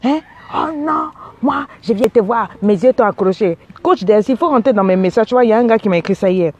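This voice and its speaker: Husky warm-voiced woman preaching emphatically. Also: on the high side, brisk, lo-fi sound. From Africa. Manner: animated, scolding, acts out quoted dialogue, frequent "hein?". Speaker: relationship coach and preacher. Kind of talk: exhorting sermon-style advice talk.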